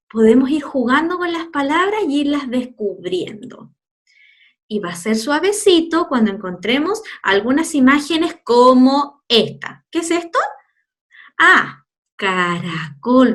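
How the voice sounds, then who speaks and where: Slow-spoken Chilean teacher woman. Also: sits high, very animated. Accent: Chilean Spanish. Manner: slow, drawn-out word demonstrations with playful asides. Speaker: primary school teacher. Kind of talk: children's phonics lesson.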